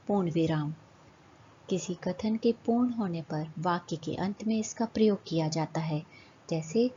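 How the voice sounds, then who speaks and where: A woman teacher reading a scripted grammar lesson for children, slow and careful with deliberate pauses. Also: mid-range voice, a little mellow. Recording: slightly dull lo-fi voice-over with faint noise.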